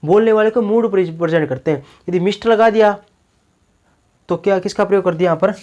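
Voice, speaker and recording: A man's voice: sits high, brisk, a little mellow, highs cut off. A male teacher giving a classroom grammar lecture, peppering it with rhetorical questions and repeated "okay ji" check-ins.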